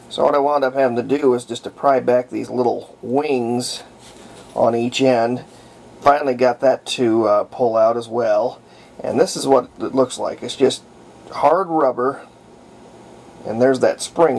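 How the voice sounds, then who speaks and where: Here the radio restorer's medium-pitched, darkish voice carries some vocal fry. He's a hobbyist at an indoor workbench, talking folksy and unscripted while he demonstrates a repair with his hands.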